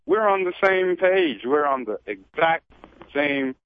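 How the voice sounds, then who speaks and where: An indignant man speaks with fierce emphasis on a radio talk show, his fairly high voice leaping and swooping as he presses each point. The sound comes through a thin, tinny phone line with no room echo at all. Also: lively intonation, measured pace. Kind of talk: political talk radio commentary.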